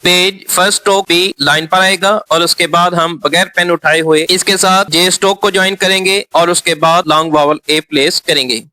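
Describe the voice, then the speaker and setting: A man's voice: high-pitched, fairly even intonation, moderate pace, hardly any pauses, bright, forceful tone, no room sound. A man explaining shorthand pen strokes as he writes them out. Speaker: shorthand teacher. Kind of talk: demonstration lesson.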